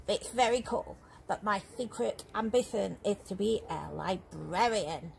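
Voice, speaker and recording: A woman voicing a prim, chatty, self-important sock-puppet reporter in a comic interview, halting and easily flustered, recorded outdoors in a garden. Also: mid-range voice, gravelly, poor audio. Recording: outdoor garden noise with birdsong.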